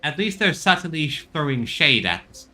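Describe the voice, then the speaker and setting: A man's voice: on the high side, big pitch swings, moderate pace, bright, forceful tone, faint music behind. A man giving casual playthrough commentary as a gaming streamer, with wry, off-the-cuff asides.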